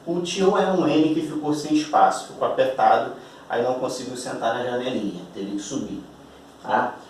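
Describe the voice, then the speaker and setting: A man's voice: mid-range voice, moderate pace, a little mellow, a little hiss or hum. A man teaching a classroom grammar lesson, chatty, checking in with his students and stretching out key words as he explains at a board. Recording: roomy, distant echoey classroom audio.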